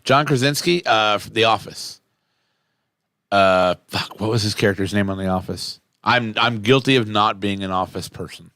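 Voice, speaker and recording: A man with a fairly low voice talks loosely on a podcast, circling back and restarting his sentences. He swears freely in a casual chat. The sound is dry and close to the mic. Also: normal speed, sharp tone, no room sound. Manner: rambling, with frequent restarts and swearing. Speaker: podcast co-host.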